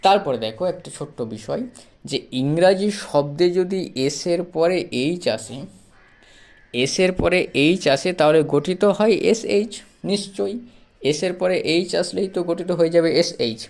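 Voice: medium pitch, normal speed, a little mellow. Patient teacher, lesson delivery, spells words letter by letter and repeats them, methodical. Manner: patient, explanatory, repeats each point. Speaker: English teacher. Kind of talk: spoken pronunciation lesson.

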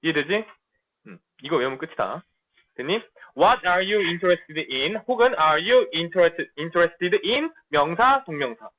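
Male tutor, high and animated, casual blunt lecture, tinny phone-like audio. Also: slow. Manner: casual blunt banter with students, frequent check-ins. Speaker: middle school English teacher. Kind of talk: online lecture.

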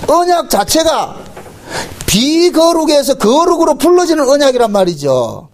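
A middle-aged man preaching from the pulpit in a notably high voice. He keeps asking his listeners rhetorical questions, fills pauses with little grunts of "eh?" and "mm", and draws out key phrases for emphasis. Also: big pitch swings. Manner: rhetorical questions with frequent fillers. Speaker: pastor. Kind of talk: sermon.

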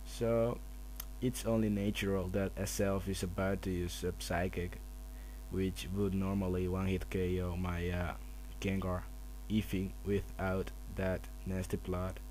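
A man with a low, hushed voice slowly narrates his own game battle in a level tone, keeping quiet so he won't wake anyone. It's casual commentary recorded at home at night while others sleep, on a noisy camera mic with a hum.

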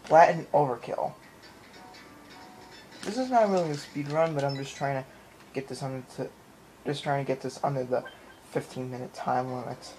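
A man with a mid-range, slightly mellow voice gives loose running commentary on the game he's playing, speaking at normal speed but pausing often, muttering reactions and apologizing now and then. He films his TV from a small room at home using a phone or handheld camera mic. The audio is poor, with video game music in the background.

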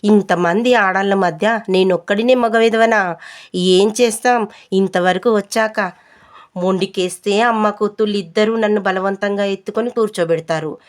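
A woman's voice: mid-range voice, normal speed, natural voice. A woman voicing an exasperated middle-aged husband who grumbles about his in-laws in a storybook tale. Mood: grumbling. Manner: grumbling, protesting.

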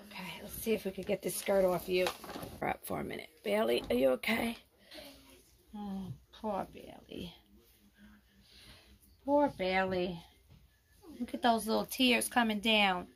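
Fussing woman with a gravelly voice. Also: mid-range voice, a little slow, long pauses. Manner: fussing, soothing, talks to viewers. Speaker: doll vlogger. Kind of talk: doll role-play vlog narration.

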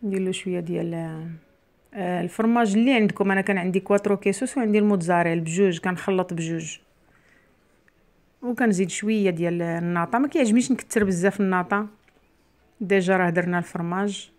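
A woman's voice: medium pitch, fast, darkish tone. A middle-aged woman with a Moroccan Arabic accent hosts a casual cooking vlog in her home kitchen. She talks to the viewers as she cooks and explains each step to them. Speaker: cooking channel host. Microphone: camera near the worktop, speaker mostly off frame.

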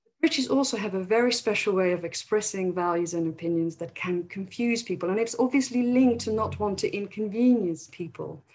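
A woman's voice: mid-range voice, fairly quick, a little mellow, rough recording. A woman from the Netherlands with a Dutch accent, giving a thoughtful webinar presentation with frequent fillers over a video call. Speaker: academic presenter.

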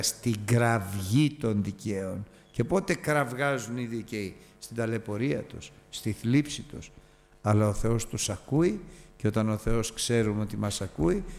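A man preaching a Bible study sermon, emphatic and repetitive, now and then dropping to near-quiet asides. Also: mid-range voice, long reverb tail. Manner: emphatic, repeating key phrases with sudden drops to near-quiet asides.

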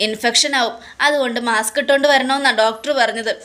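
A woman voicing a caring young daughter who gently pleads with and soothes her sick father. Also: a little high, fairly even intonation, fast talker. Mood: pleading.

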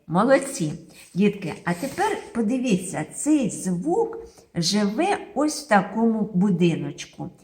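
A woman teaching a phonics lesson to small children, drawing out the sounds in a slow singsong way. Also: medium pitch, sing-song, a little mellow. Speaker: kindergarten teacher. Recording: very echoey room.

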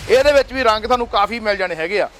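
Fast, high-voiced promoter man. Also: fairly bright tone. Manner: pushy, repeats prices in quick lists. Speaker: shop promoter. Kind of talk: fast sales promo video.

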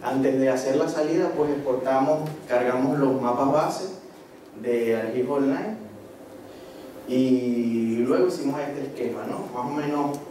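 A middle-aged Venezuelan-accented man, a marine geology researcher taking part in a course, gives an informal, halting presentation and keeps adding little tags to check he's being followed. His voice is medium in pitch with a dark tone. He speaks into a handheld mic through the PA in a medium-sized indoor seminar room, captured by a distant camera mic, so the recording is echoey and noisy.

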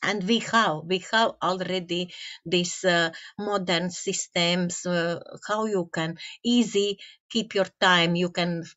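A woman in her fifties with a Latvian accent gives an informal business presentation in halting, hesitant non-native English. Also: on the low side, steady tone, a bit bright, muffled recording. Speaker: network marketing team leader, presenter. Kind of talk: informal online business presentation over slides.

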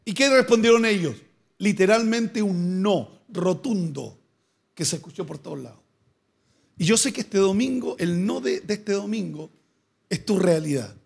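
With a high-pitched, gravelly, slightly rough voice, a man preaches animatedly at a normal speed. The pastor asks rhetorical questions and climbs to emphatic bursts, repeating phrases for force.

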